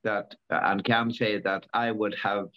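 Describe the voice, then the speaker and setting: A man in his seventies, a former rally driver, talking in a casual interview, halting and repeating words with many fillers. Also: fairly low pitch, little pitch movement. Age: 70s. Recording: dull lo-fi recording.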